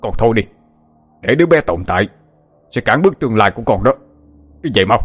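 A man voicing an enraged middle-aged father who shouts indignantly. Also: on the low side, animated, a little fast, slightly rough, soft background music.

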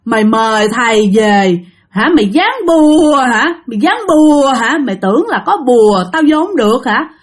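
Sneering spooky lady ghost, high and swooping, laughs while she talks, told by a woman. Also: animated, normal speed. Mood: taunting. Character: mocking female ghost, taunting and cackling.

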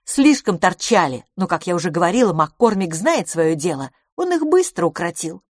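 A woman reading the part of a confident, boastful beauty salon owner in an audiobook, speaking briskly and emphatically. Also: fairly low pitch, very animated, dry recording.

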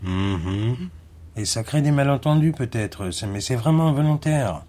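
An actor playing a pedantic adult clone in a radio drama, hesitant and nitpicking about grammar. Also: male voice, mid-range voice, expressive, measured pace, dark tone.

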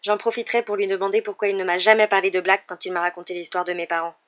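A woman's voice: medium pitch, flat delivery, very fast, natural voice. A brooding, stubborn teenage boy, voiced by a woman speaks in a curt, determined voice. He sounds bitter and set on his course. The recording is dull and lo-fi.

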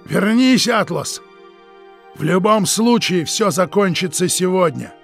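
A man voicing a bitter, furious older man who accuses his brother and yells hoarsely in an audiobook reading. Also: high-pitched, animated, a little slow, soft background music, pitched above the performer's own voice, exaggerated voice. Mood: raging, desperate. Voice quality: hoarse yelling. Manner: shouting, sobbing, accusing.

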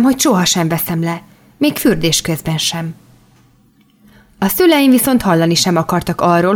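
A woman narrates an audiobook in the first person, with calm, measured storytelling. Her voice sits slightly low for a woman.

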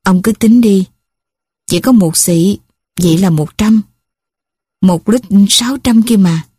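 A woman's voice: mid-range voice, slow pace, mellow, breathy edge, no room sound, studio quality. A woman reading a weak, pleading poor old woman. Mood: pleading weakly. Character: old, starving, poor woman selling blood.

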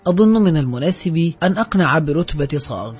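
A male narrator lends his voice to a hunted former convict, scornful and sure of himself, speaking in a fairly high, slightly husky tone. The sound is a bit dull, with faint music running underneath. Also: lively intonation, quick pace. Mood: sarcastic. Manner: mocking, self-assured. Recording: dull audio with soft background music.

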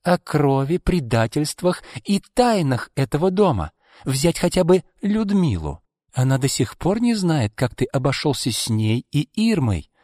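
A male narrator voicing a bitter, resentful middle-aged woman who speaks in a high, strained, scolding voice. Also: wildly swooping pitch, measured pace, dry recording, studio quality, big-room sound. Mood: spiteful.

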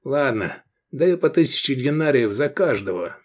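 A man's voice: mid-range voice, big pitch swings, moderate pace, pitched above the performer's own voice. A man reading an audiobook voices a shrewd middle-aged male slave dealer, drawling and bargaining slyly. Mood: haggling.

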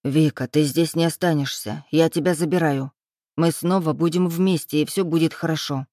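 An audiobook reader voicing a desperate man pleading with the woman he loves, in a low, urgent tone close to the reader's own voice. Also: steady tone, normal speed, darkish tone, dry recording, lightly acted.

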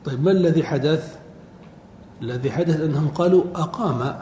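A man teaching a classroom lecture, drawing out words slowly and quizzing his students. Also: fairly high pitch, warm tone. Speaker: teacher of Arabic morphology. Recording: echoey hall with faint noise.

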